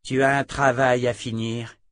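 A man reading an audiobook, voicing a commanding woman inquisitor who is stern with enemies and gentle with a child. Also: mid-range voice, little pitch movement, unhurried, no echo, clean studio sound, natural voice. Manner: commanding, firm.

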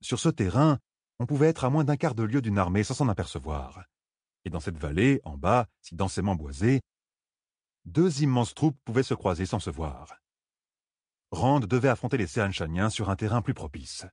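Deep-voiced man narrating an audiobook. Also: very animated, normal speed, darkish tone, breathy edge, no echo, studio quality.

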